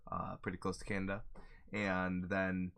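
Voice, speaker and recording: A man with a dry, raspy throat, rambling and joking in casual chat as he plays a game. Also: low-pitched, completely flat delivery, moderate pace, a bit bright. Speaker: gaming video host. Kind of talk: casual chat while playing.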